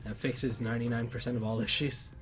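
A male livestream host with a mid-pitched voice chats loosely and casually from a PC workshop, reading viewer comments at a quick pace. He breaks into bursts of loud excitement, with faint music playing behind him.

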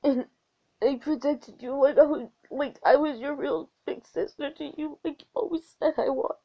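A young woman talking straight to one person in an emotional video message, in an earnest, halting way. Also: sits high. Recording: dull lo-fi recording.

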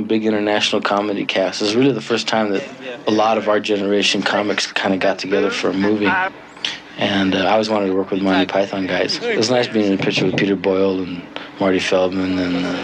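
Quick, joking actor amid a crowd. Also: male voice, on the low side, fairly even intonation, poor audio. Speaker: actor in the film. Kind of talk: casual interview.

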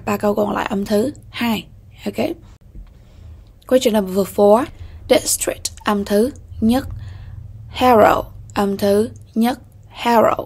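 Vietnamese woman teacher, slow and methodical, husky gravelly voice. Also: mid-range voice, a little mellow. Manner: slow, methodical, repeats key words with frequent "ok ha". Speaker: English teacher. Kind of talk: bilingual exam-prep lesson.

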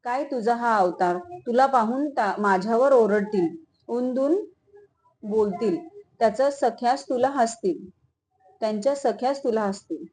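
A nervous young palace maid who talks quickly and anxiously, as a woman puts her on. Her voice is a little high, and the part is told as a storybook tale. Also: darkish tone, close to an everyday voice, rough recording. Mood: hurried worried. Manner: hurried, anxious.

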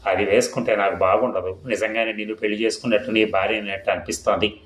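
A man's voice: fairly low pitch, steady tone, fast talker, fairly bright tone, close to an everyday voice. Defiant, mocking woman, as a male narrator reads her. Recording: echoey room.

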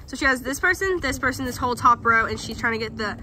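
A woman vlogger at a cabin, chatty and easily excited, explaining everything to her viewers. Her voice sits a bit high and swings up and down a lot. Steady background noise runs under the recording. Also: fast talker. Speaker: family vlogger. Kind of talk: casual vlog chat. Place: mountain cabin. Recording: noisy background.

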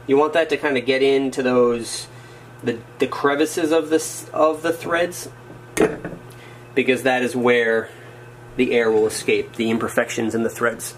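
Chatty and muttering to himself, a man with a medium-pitched, unhurried voice works through a workshop build indoors at a wooden workbench or floor, making self-mocking asides in casual how-to fashion. The camera frames his hands, and the rough recording carries a little hiss or hum.

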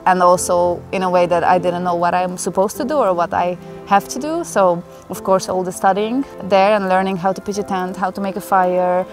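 Speaking English at a mid pitch, a young adult interviewee from Hungary shares an emotional personal story in a forest setting. Her manner is earnest and chatty, full of fillers, and clear music runs under her voice.

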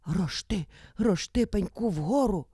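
A woman's voice: medium pitch, lively intonation, slow, breathy edge, no room sound, studio quality. A woman voicing a frightened but sly old grandmother who whispers a charm in a storybook. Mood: whispering. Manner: soft whispering spell.

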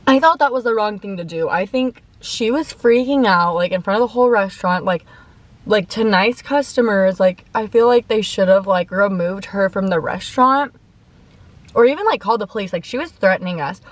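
A woman's voice: mid-range voice, moderate pace, no echo. A young woman telling a story in casual chat between bites of food, peppering her talk with "like", recorded in a parked car. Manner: chatty, heavy use of "like", talks between bites. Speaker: mukbang vlogger. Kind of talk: casual storytime while eating. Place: parked car in a parking lot.

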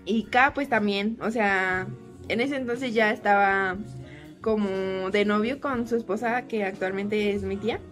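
A young woman with a Mexican Spanish accent telling a storytime vlog, animated and laughing often as she acts out the quotes. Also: mid-range voice, measured pace, faint music behind. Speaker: vlogger.

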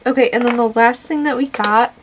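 A woman's voice: a little high, fairly quick, a little hiss or hum. Gushing young woman unboxing toys. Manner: gushing, excitable, lots of "oh my gosh" and "so cute". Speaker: toy unboxing host. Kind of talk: casual toy unboxing chat.

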